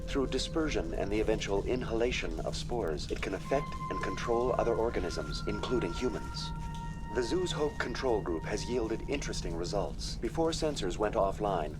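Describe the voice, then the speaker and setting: An actor voicing a calm, polite, bureaucratic male computer VI in a video game, speaking in an even, measured, formal tone. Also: fairly low pitch, close to an everyday voice. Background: game score music.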